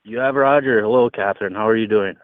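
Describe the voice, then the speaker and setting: A man's voice: lowish voice, fast talker, no room sound. A man with a thick Upper Michigan accent, calling in to a show to explain a question. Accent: thick Upper Michigan (Yooper). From Upper Peninsula of Michigan. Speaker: caller. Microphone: telephone. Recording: tinny, dry phone line.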